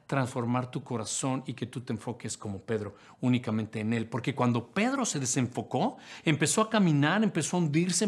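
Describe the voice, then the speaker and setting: A male pastor preaching a sermon. He speaks straight to the listener with questions and swings from loud, lively lines to hushed ones. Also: mid-range voice, breathy edge. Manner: dramatic, acts out quotes in swings from loud to hushed; addresses listener directly with questions.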